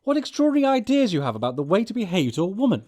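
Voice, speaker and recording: In a stage comedy audio production, an actor plays an earnest young upper-class English gentleman who is easily flustered, proper, and fussy. His irritated delivery is high-pitched, very animated, and very fast.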